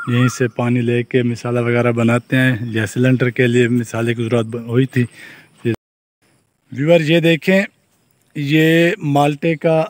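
A man's voice: mid-range voice, no room sound. A young man from Pakistan with a Saraiki-region Urdu accent, giving an eager vlog tour of a farm and building site, speaking into a phone held at arm's length outdoors. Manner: enthusiastic, repeats phrases like "look at this". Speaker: vlogger. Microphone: phone camera, selfie at arm's length.

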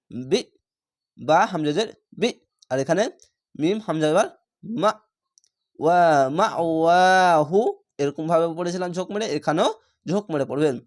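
A man teaching Quran reading step by step, spelling out each letter and then chanting the joined word slowly and drawn out. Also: fairly high pitch. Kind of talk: spelling-out recitation lesson.

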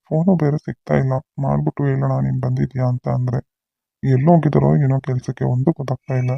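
A man's voice: medium pitch, level tone, quick pace, vocal fry, no room sound, highs cut off. A man playing an easygoing village father who sounds weary and grumbles at his wife in a family skit. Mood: grumbling.

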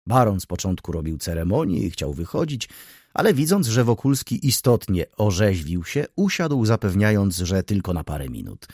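A man narrating a classic novel as an audiobook in a measured, expressive reading. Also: fairly low pitch, husky, no echo, studio quality.

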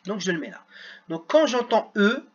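A man's voice: high-pitched, big pitch swings, normal speed, fairly bright tone, husky, lo-fi sound. A man teaching young children at a computer, sounding out words syllable by syllable. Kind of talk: screen-recorded lesson for children.

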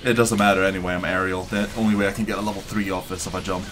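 Mid-pitched man, dry teasing gamer. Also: flat delivery, rapid-fire, music in the background. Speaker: co-host gamer. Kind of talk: casual gaming chat.

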